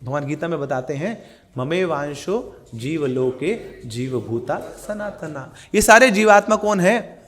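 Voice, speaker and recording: Animated high-voiced male Gita teacher. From India. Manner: animated storytelling, acts out quoted characters. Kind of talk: Hindi lecture on scripture with chanted verses.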